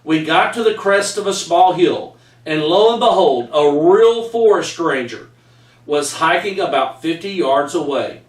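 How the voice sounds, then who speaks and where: This Texan author, middle-aged, reads a personal story from his book in a folksy way, complete with "y'all," in a somewhat high, animated voice at a measured pace. He's indoors in a home room hung with framed pictures. A far-off camera records him, leaving his voice distant and echoing.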